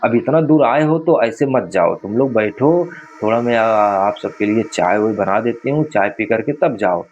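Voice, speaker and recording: A man voicing a frail old village grandmother who talks slowly and sweetly, in a told horror story. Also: fairly low pitch, lively intonation, darkish tone, lo-fi sound, a little hiss or hum, lightly acted. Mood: coaxing.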